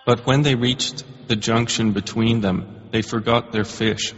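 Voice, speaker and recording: A man reading a scripture translation aloud in a steady, measured way. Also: mid-range voice. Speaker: translation reader. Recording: dull lo-fi recording with hall reverb.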